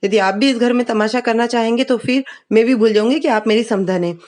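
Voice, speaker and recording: A patient, wise middle-aged mother reasons gently with her family, as a woman reads her lines. The voice is a touch high and stays even. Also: a little fast, close to an everyday voice. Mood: calm advice.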